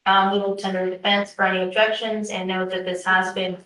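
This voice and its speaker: A woman prosecutor puts formal, methodical questions to a witness in an even, flat delivery. The courtroom recording picks her up from a distance, with noticeable room echo. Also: mid-range voice, brisk. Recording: roomy courtroom recording, far from the mic.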